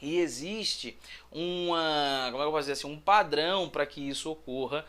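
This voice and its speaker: A male teacher from Brazil explaining an exam question in a lively, chatty way, often checking in with his students. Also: fairly high pitch, moderate pace. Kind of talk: exam-prep lesson. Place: prep school classroom or studio.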